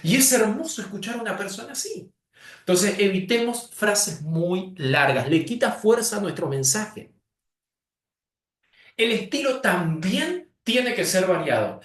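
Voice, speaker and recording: Lively Argentine man lecturing, echoey. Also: high-pitched. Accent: Argentine Spanish. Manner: emphatic, shifts pace and tone to illustrate points. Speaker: communication skills teacher. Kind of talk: classroom lecture. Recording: echoey room from a distance.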